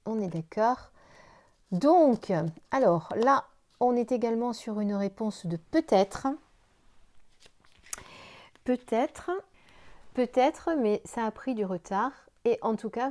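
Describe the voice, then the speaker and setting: A woman giving a casual tarot reading to camera in a gentle, reassuring way, tired and stumbling now and then over her words. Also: mid-range voice. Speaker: tarot card reader.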